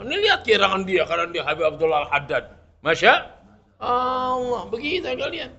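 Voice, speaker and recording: An older man gives a religious lesson, his voice sharp, forceful and fairly high for a man. He talks in an animated, emphatic way, mixing scolding with jokes. The recording sounds dull and lo-fi. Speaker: Islamic religious teacher.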